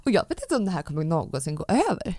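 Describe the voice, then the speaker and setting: A woman's voice: fairly low pitch, sing-song, mellow, dry recording, clean studio sound. A woman hosting a casual podcast chat, reacting emotionally with exclamations.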